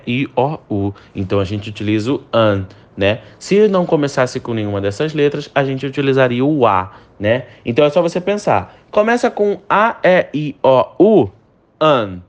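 A man teaching a recorded lesson. He explains patiently, says each example sentence slowly and several times, and asks the listener questions that he then answers himself. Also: medium pitch. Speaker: English teacher. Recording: dull lo-fi sound.

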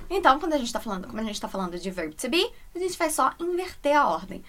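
A Brazilian woman gives an English grammar lesson, patient and methodical. Her voice sits at a medium pitch, and she slows down carefully whenever she reads out an example sentence. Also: bright, forceful tone. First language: Portuguese. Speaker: English teacher. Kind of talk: explanatory online lesson.

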